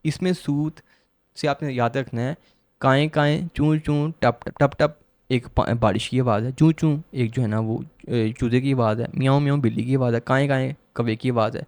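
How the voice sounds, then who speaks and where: A man teaching a grammar lecture for a law admission test, asking questions and answering them himself and repeating each definition slowly. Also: mid-range voice, a little mellow, no echo.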